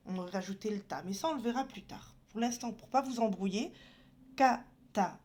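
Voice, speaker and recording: A woman's voice: medium pitch, fairly quick, darkish tone. A woman teaching a beginners' language lesson, patiently spelling out each letter and sound as she writes. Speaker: Arabic teacher. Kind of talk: slow step-by-step lesson.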